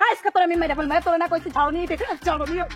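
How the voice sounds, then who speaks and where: An actress playing a fiery, quarrelsome young wife who scolds fast and shrill in a Bangladeshi dialect. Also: female voice, steady tone, over loud music. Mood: furious.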